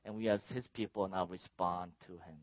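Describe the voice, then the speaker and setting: A man preaching a sermon in an animated way, sometimes shouting exclamations to make a point. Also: low voice, moderate pace, no echo, muffled recording. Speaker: pastor.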